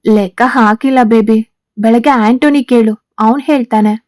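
An arrogant, teasing gang boss husband in a spoken romance story, read by a woman. The voice sits fairly high with a mellow, dark tone. The sound is dry and close. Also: moderate pace, no room sound, lightly acted.

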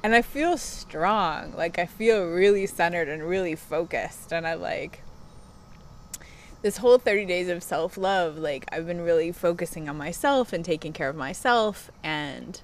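Low-pitched woman, candid self-help influencer, noisy outdoors. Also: a little slow. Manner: self-help influencer talk, candid and personal, frequent laughing asides. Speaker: self-help vlogger who gives coaching sessions. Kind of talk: casual confessional self-help video chat. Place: outdoors on a wooden deck. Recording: clear outdoor background noise.

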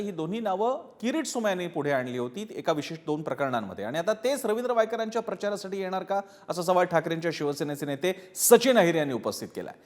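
A man reading scripted news narration in a brisk, formal manner. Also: fairly high pitch. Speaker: news anchor.

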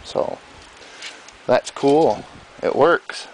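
Outdoors in an overgrown yard, a man speaks into a handheld camera, rambling folksily and off the cuff about his own mechanical project. His voice is medium-pitched and very slow, and the camera mic's recording is low quality and hissy.

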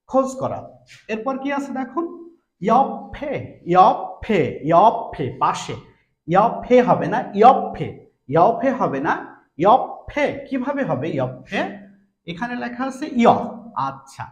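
A man's voice: very high-pitched, sing-song, moderate pace, echoey room. A young man teaching a language lesson. He repeats each point twice and asks questions, then answers them himself. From Bangladesh.

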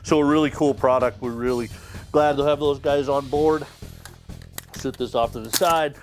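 A man's voice: mid-range voice, fairly even intonation, normal speed, soft background music. A middle-aged man hosting a membership sweepstakes drawing, talking in a folksy, upbeat way as he reads out winners and their towns in a wood-paneled room. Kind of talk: casual announcing to camera.

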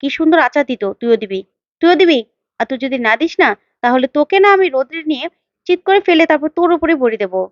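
Woman doing a defiant young heroine: blunt, mocking threats, quick and high. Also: animated, no room sound, dull audio. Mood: bossy.

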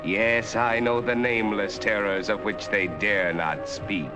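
A man voicing the Whistler, a mysterious narrator who walks by night, speaking slowly and ominously over music on an old film soundtrack. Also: lowish voice, steady tone, lightly acted. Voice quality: slow, ominous, measured delivery. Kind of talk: 1940s film noir narration.

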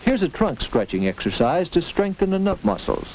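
Telling a story in the instructive, measured, scripted style of a 1940s educational film, an American man speaks with a gravelly, mid-pitched voice that rises and falls with lively movement. The audio is a dull vintage soundtrack with faint noise and clicking.

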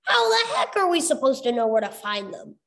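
Lady doing a loud fuzzy bunny dude, cranky and brash, kinda squeaky. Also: sing-song, a little fast, gravelly, heavily acted. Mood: disgusted. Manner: brash, grumbling slang. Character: fuzzy blustery male rabbit sidekick, hot-headed.

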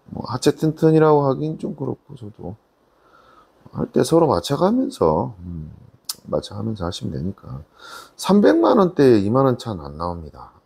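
Male used-car salesman, middle-aged, dark mellow gravelly tone, casual repetitive sales patter. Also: medium pitch, huge pitch swings, moderate pace. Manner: informal salesman patter, repeating selling points. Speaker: used car dealer presenting a car. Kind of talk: casual, unscripted sales walkaround review.

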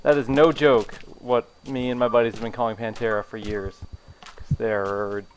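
A man's voice: medium pitch, fairly even intonation, moderate pace, a little hiss or hum, rough recording. A young man giving live commentary on a horror game, jumpy and profane, laughing and talking back to what happens on screen. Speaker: streamer. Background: game music.

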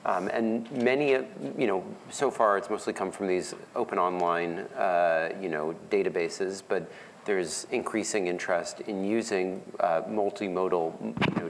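A man moderating a conference panel, asking long, measured questions with fillers. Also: sits low, a little hiss or hum. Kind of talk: panel discussion. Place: conference event room. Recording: long reverb in a hall.

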